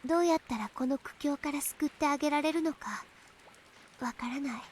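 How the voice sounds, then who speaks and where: A high, youthful girl's voice from a visual novel , acted by a woman. She is mysterious and speaks quickly with a sweet, unsettling smile in her delivery. Faint noise sits behind her. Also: a little mellow, natural voice. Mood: soft, knowing. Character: mysterious teenage girl, sweetly smiling yet unsettling. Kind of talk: Japanese visual novel voice acting.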